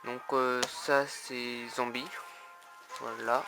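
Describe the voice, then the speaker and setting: A man chatting casually on video as he shows his trading cards, halting with many fillers and repeating the same stock phrase again and again. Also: medium pitch, little pitch movement, creaky, over music. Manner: keeps repeating "donc voilà", a tic he admits to. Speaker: trading card collector showing his trade binder.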